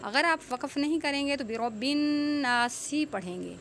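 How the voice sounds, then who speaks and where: High-voiced woman teaching slow recitation. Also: expressive, a little hiss or hum. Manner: explains rules plainly, then recites words very slowly and stretched. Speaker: Quran tajweed teacher. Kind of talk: online tajweed lesson with slow drawn-out recitation.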